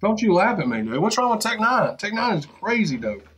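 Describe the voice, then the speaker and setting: A man's voice: high-pitched, big pitch swings, brisk, crowd noise. A man in his thirties chatting casually as a guest, hesitant and a little defensive. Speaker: video guest, rapper. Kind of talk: casual chat. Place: inside a fast-food restaurant, seated at a table.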